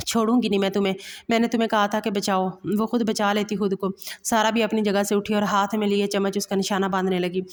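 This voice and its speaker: A woman reads a romantic novel aloud in an even, level tone, keeping the same pace through narration and dialogue. She slips and restarts now and then. Her voice carries a long reverb, as if recorded in a large hall. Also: mid-range voice, fast talker. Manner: even, steady reading with occasional slips and restarts. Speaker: storyteller.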